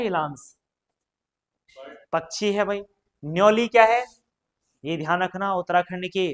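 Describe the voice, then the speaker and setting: A man's voice: on the high side, a bit bright. A man teaching an exam prep lesson, quizzing students and repeating each question and answer, chatty and addressing them directly. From Uttarakhand, India.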